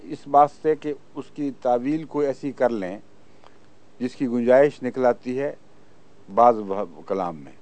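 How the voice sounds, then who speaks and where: A man's voice: mid-range voice, dark tone. A man giving a religious lecture, reciting verses and explaining their meaning. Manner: explanatory, recites Arabic verses then translates. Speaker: Quran commentator. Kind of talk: religious lecture on Quran exegesis.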